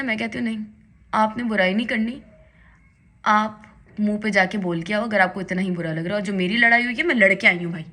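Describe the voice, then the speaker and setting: A woman's voice: mid-range voice, pushed and bright. A young woman talks casually in a makeup vlog while doing her makeup at home. Her speech is chatty and emphatic, and she rises into indignant bursts. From Pakistan. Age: young adult. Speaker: vlogger. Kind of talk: casual get-ready-with-me vlog chat.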